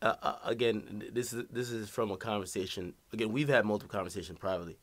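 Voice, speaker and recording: A man's voice: on the low side, fast talker. A man hosting an interview, asking probing questions and stammering on restarts. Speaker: host interviewer.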